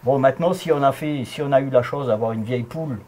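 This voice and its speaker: A man's voice: mid-range voice, quick pace, mellow, slight background noise. A man with a Lorraine accent, explaining home health remedies in a folksy, chuckling way during a casual chat. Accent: Lorraine French. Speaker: guest herbal health advisor.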